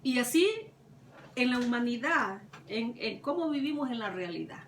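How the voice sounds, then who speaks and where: High-voiced woman preaching in an echoey room. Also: animated, moderate pace, slight background noise. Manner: retells scripture with many repetitions and rhetorical questions. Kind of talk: Bible teaching. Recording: echoey room, mic at a distance, faint ambience.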